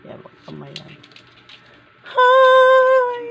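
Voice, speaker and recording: A woman's voice: very high-pitched, completely flat delivery, drawn-out words, muffled recording, heavy background noise. A woman at home filming her dog and talking to it in a playful, coaxing way, laughing often. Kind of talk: casual talk to a pet. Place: at home, indoors.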